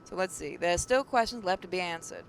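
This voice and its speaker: Here the gaming host reads visual novel narration fast, chatting casually about it in a creaky, mid-pitched voice. Some words trip and repeat, and the recording suffers from a clearly noisy mic with a noticeable low rumble.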